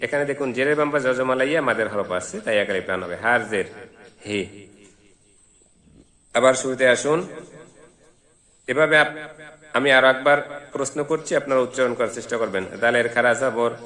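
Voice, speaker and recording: Bright-voiced man teaching Quran reading. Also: medium pitch. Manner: spells out letters and vowel marks syllable by syllable, then chants verses slowly. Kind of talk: Quran recitation lesson. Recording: long reverberant echo.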